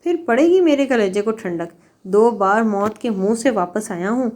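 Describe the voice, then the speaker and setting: A woman's voice: fairly high pitch, expressive, a little mellow, lightly acted. A woman voicing a cruel, vengeful young man who makes sneering threats. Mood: taunting, menacing. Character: cruel young male villain, vengeful and taunting.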